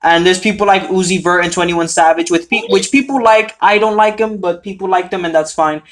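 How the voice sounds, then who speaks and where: A man's voice: high voice, steady tone, brisk, fairly bright tone. A teenage boy co-hosting a casual podcast, ranting passionately with crude language. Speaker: podcast co-host. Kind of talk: casual chat.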